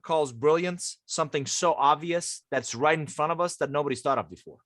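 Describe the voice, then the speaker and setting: A man in his fifties from Iran, a native Persian speaker who coaches leaders, speaks as an interview guest in a conversational, emphatic way. His voice is a little high and a bit bright, with a brisk pace. The sound is clean studio audio with no echo.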